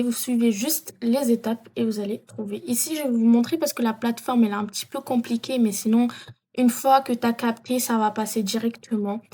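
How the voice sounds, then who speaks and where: A woman talks viewers through an app in an easygoing screen tutorial. Her voice sits a little high with a soft, mellow tone. She often stalls on fillers and corrects herself as she goes. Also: breathy edge. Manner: hesitant, many fillers and self-corrections. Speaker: vlogger.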